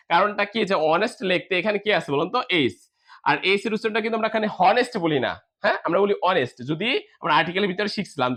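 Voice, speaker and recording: A man's voice: sits high, pushed and bright. A man teaching grammar to a class, spelling words out letter by letter and answering his own questions.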